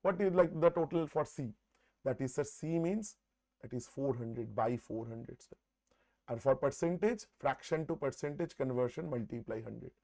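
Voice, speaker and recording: A man's voice: mid-range voice, normal speed, gravelly, mellow. A man with an Indian accent and a troubled throat, teaching a live maths class online, repeating phrases and often saying "sir". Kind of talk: live exam-solution lesson, addressing students.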